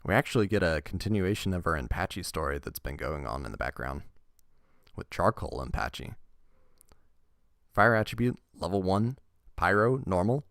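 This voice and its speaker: A man's voice: deep voice, big pitch swings, moderate pace, pauses often, a bit bright, dry recording. Dry-sounding man chatting through card reviews. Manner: chatty, wry asides, laughs through the reading. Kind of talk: casual card review, reading card text aloud.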